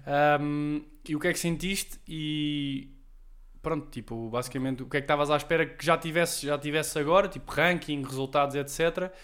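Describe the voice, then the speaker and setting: Relaxed Portuguese man asking rambling questions. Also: a little high, normal speed, smooth. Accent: European Portuguese. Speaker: podcast host, interviewer. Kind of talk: casual interview.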